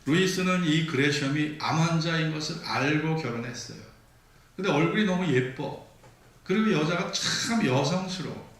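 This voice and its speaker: Animated and a bit bright, a slightly high-voiced pastor preaches at a moderate pace, bringing his stories to life by performing the dialogue. A distant mic records him in the echoey church sanctuary.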